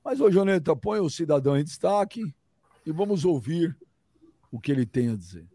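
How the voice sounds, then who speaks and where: A man hosting a casual panel show, excitable and hyping up the audience. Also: a little high, normal speed, no echo. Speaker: host.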